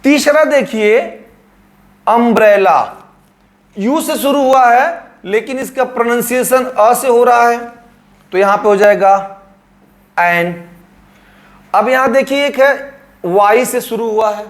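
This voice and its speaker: A man's voice: very high-pitched, takes it slowly, pauses often. A male teacher explaining grammar at a board, repeating words and drawing them out.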